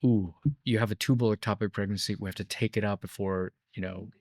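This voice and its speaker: A man's voice: on the low side, steady tone, fast, a little mellow, no echo, studio quality. A man in his fifties from Taiwan, a biotech founder answering interview questions in an explanatory way with many fillers and tag questions.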